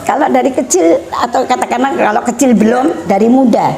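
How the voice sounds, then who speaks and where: Middle-aged woman, calm explainer, slightly high voice. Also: gravelly, crowd noise. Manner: measured, explanatory, mixing in Javanese phrases. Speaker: guest speaker on family education. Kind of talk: educational talk.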